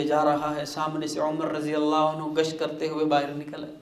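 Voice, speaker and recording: A man with a high voice delivers a storytelling sermon, dropping to a hush and then rising again as each story builds. His voice holds to a narrow melodic band, and the room adds a clear echo. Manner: dramatic storytelling, swinging between hushed and raised passages. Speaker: preacher.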